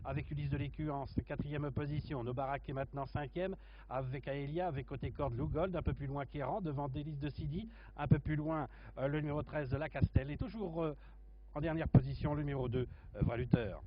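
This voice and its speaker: Higher-voiced Frenchman calling a horse race, muffled sound. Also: fairly even intonation. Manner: halting, listing runners in order. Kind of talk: live horse racing commentary. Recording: muffled, noisy racecourse commentary feed.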